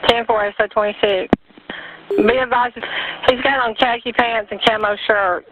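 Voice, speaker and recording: A woman working as a police dispatcher, calling out even, procedural codes over a police radio transmission. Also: fairly high pitch, moderate pace. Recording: tinny radio band with faint hiss.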